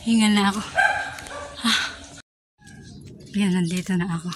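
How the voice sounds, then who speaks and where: A woman's voice: mid-range voice, measured pace. A woman narrating her uphill walk for a casual vlog, out of breath and chatty. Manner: chatty, narrates her walk, turns loud and excited greeting family. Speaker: vlogger. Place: outdoors on a street. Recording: loud street noise behind.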